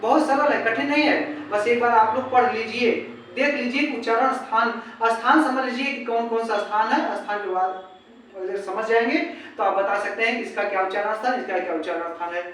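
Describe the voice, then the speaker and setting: A woman's voice: on the high side, fairly quick, a bit bright, a little hiss or hum. A woman teaching an exam-prep grammar lesson who keeps asking rhetorical questions, repeats herself and sounds out letters one by one. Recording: very echoey room, far from mic.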